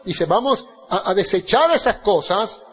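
A man preaches through a Bible passage, asking his congregation questions and answering them himself. His voice sits high and husky, climbing to loud emphasis and then dropping to soft, low asides. The recording sounds a little muffled and lo-fi. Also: expressive, a little slow, long reverb tail. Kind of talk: Bible study sermon.

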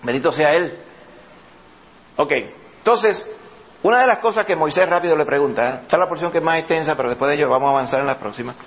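A man's voice: fairly high pitch, fast, fairly bright tone. A man preaching a Bible study sermon in a conversational teaching manner, often checking in with his listeners. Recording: dull lo-fi with faint noise.

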